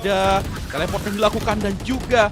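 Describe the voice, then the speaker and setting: A man with an Indonesian accent doing live play-by-play like a fighting game announcer, excitable, building tension with exclamations and rhetorical questions. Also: sits high, fast, over music. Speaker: esports play-by-play caster. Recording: clear game gunfire and clicking noise.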